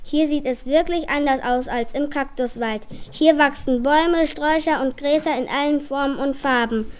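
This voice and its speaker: Woman storyteller, high light voice, lively children's story reading. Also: moderate pace.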